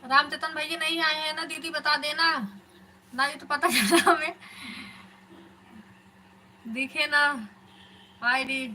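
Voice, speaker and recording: A woman hosts a live stream and chats with her viewers, calling them elder sister. Her voice sits fairly high and she talks slowly. The phone recording carries clear background noise. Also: fairly even intonation, sharp tone, poor audio.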